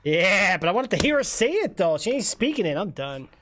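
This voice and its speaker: A man chatting casually with friends while gaming, relaxed and joking, full of slang. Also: high-pitched, fairly quick, slight background noise. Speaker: streamer and player. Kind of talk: casual gaming banter on voice chat.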